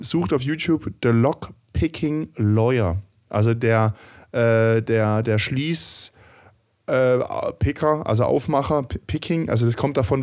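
A man's voice: medium pitch, darkish tone. A man co-hosting a casual podcast chat at his home desk, rambling, swearing and acting out the people he quotes. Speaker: podcast co-host. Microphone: desk microphone.

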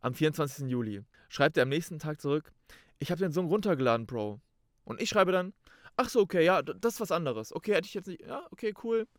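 A man's voice: fairly high pitch, animated, quick pace, no room sound, studio quality. A man hosting a casual podcast, ranting and mocking with frequent laughter. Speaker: podcast host. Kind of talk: casual podcast chat reacting to a diss track.

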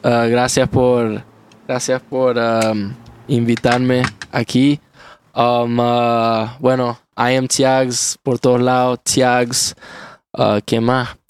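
A man with an American accent in his Spanish, a native English speaker, talking casually as an interview guest in halting Spanish mixed with English phrases. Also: medium pitch, flat delivery, clean tone. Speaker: guest musician.

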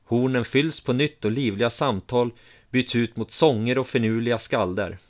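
A man calmly reading a first-person story aloud in an even, measured way. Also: mid-range voice. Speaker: narrator.

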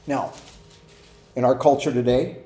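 A man's voice: medium pitch, steady tone, measured pace, mellow, roomy sound. A man preaching a conversational sermon as pastor, acting out quoted voices as he teaches. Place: church sanctuary.

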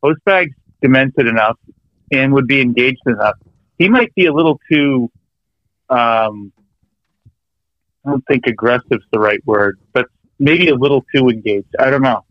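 A man's voice: mid-range voice, moderate pace, long pauses, no echo, muffled recording. A man calling in to a casual chat, confidently explaining slang to the others. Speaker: guest caller.

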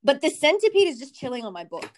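A woman's voice: high voice, quick pace. A young woman, casually telling a dramatic anecdote in a chatty podcast, with lots of "like" fillers. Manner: animated storyteller, frequent "like" fillers. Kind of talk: casual chat.

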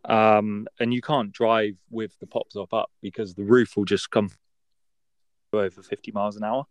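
Young west country guy, lowish voice, casual podcast chat with slangy bits, pretty dry sound. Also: level tone, normal speed, no room sound, dull audio. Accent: West Country English. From West Country, England. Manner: informal British slang, dragged-out long A vowels. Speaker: podcast speaker. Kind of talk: casual chat, telling travel anecdotes.

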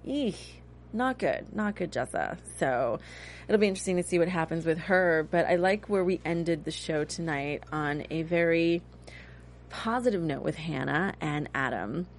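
A woman in her thirties hosting a casual TV recap chat, talking in a chatty, animated way with a touch of cynicism. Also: low voice, moderate pace, a little hiss or hum. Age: 30s. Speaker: host.

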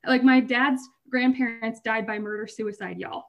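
A woman's voice: fairly high pitch, steady tone, normal speed. A woman co-hosting a podcast, talking casually in a rambling way, often cutting herself off and laughing through hard stories. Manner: rambling, self-interrupting, laughs while telling hard stories. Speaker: podcast co-host.

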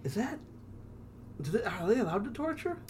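Male co-host, high-pitched and animated, informal, joking conversational delivery. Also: moderate pace, a little hiss or hum. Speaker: podcast co-host. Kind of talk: casual, joking chat.

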